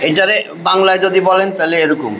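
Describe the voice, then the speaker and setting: High-voiced teacher drilling sounds. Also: male voice, background noise. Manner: drills sounds by slow repetition. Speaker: Quran recitation teacher. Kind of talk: classroom pronunciation lesson.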